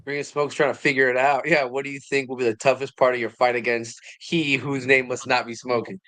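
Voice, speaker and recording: A man's voice: mid-range voice, little pitch movement, a little fast, a bit bright. A man co-hosting an interview, asking questions with joking, playful asides. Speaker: co-host. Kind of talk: casual interview chat.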